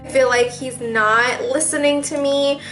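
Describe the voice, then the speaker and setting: A woman's voice: high-pitched, fairly even intonation, unhurried, a bit bright, soft background music, poor audio. A young adult woman, a mom vlogger, venting casually to camera in a chatty, rambling way with lots of fillers. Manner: chatty, rambling, laughs often, many fillers.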